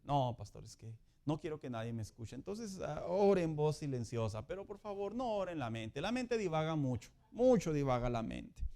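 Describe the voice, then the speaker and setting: A middle-aged man, preaching a Sunday school sermon in a lively, joking way. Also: fairly high pitch, moderate pace, few pauses. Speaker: pastor.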